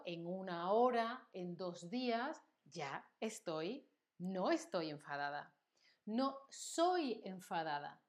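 Profesora española lenta y expresiva. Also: female voice, medium pitch. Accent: Spanish from Spain. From Spain. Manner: slow, exaggerated acted examples, checks in with "¿sí?". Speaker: Spanish teacher streaming a live class. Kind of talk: live-streamed language lesson.

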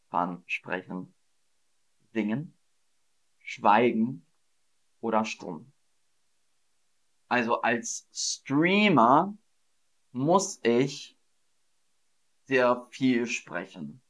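A man hosts a German vocabulary quiz on a live stream, speaking in a middle-pitched voice at a very slow pace. He repeats words patiently and cheers his viewers on. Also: a bit bright. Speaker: German teacher streaming to learners. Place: streaming setup at home.

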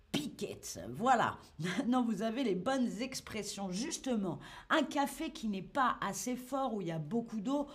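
A woman hosting a live-stream French lesson, speaking slowly and clearly, asking the chat quiz questions and laughing lightly as she reads it. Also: fairly high pitch. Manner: slow, clear, teacherly, asks quiz questions.

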